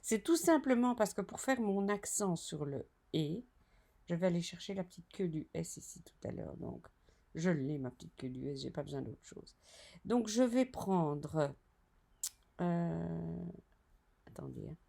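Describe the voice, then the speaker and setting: A woman tutoring design software over a screen recording, chatty and narrating each step with self-correcting asides. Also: fairly low pitch, very animated, measured pace, gravelly.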